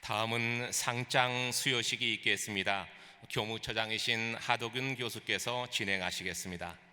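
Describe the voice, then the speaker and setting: A man's voice: fairly low pitch, fairly even intonation, normal speed, pushed and bright. A man serving as master of ceremonies, formally announcing the next part of the program. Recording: distant voice in reverberant hall.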